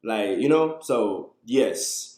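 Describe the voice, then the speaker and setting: The voice belongs to a man in his thirties: fairly low, darkish and expressive, delivered extremely slowly with a roomy sound. Hosting a casual livestream on a webcam in a small room, he talks loosely and responds to viewer questions.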